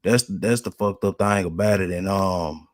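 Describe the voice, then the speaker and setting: A man's voice: low voice, normal speed. A man giving casual online news commentary, hesitant with many fillers.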